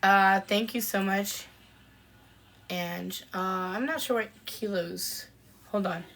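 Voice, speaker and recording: A woman's voice: mid-range voice, takes it slowly, a bit bright, slight background noise. Woman, podcast co-host, casual live-stream chat, chatty, frequent ums, answering viewer comments.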